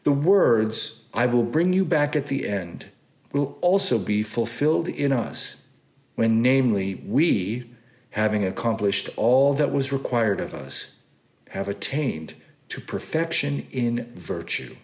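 A man reading a religious text aloud in a formal, deliberate and solemn manner. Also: mid-range voice, expressive, darkish tone. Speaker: scripture and homily reader.

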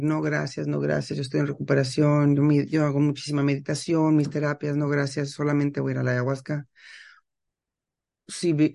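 A woman's voice: deep voice, vocal fry, a little mellow. A middle-aged woman from Mexico with a Mexican accent, talking freely in a casual podcast monologue and often ending phrases with a questioning tag. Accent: Mexican Spanish. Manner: talks freely with slang, tags phrases with a questioning "¿no?". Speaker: podcast host.

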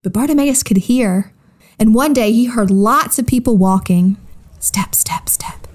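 Gentle woman telling Bible stories to children. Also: fairly high pitch, moderate pace. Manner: gentle, speaks directly to children. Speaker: podcast host and storyteller. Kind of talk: children's Bible story narration.

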